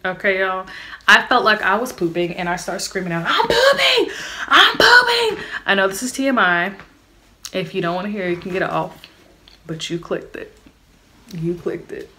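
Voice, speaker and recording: A woman's voice: on the low side, normal speed, pauses often, bright, forceful tone. A young woman telling a personal story to her viewers in a candid, chatty way, talking straight to them. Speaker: vlogger. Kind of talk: storytime vlog.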